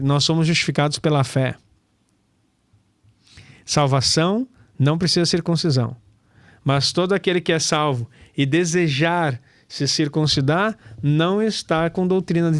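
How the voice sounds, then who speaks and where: A man's voice: on the high side, dry recording. A man, teaching scripture in a casual, chatty way, calling listeners brother and laughing often. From Brazil. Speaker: pastor and Torah teacher.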